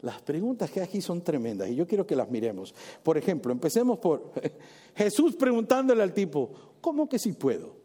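Brief: a high, animated male preacher delivering a sermon, his voice ringing in a reverberant hall. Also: a little fast. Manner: animated storytelling, switches into English exclamations.

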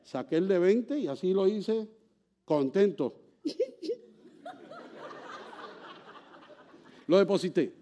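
A man preaching a sermon as pastor, telling a personal story with lively acted-out dialogue and laughter. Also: high voice, normal speed, a little hiss or hum.

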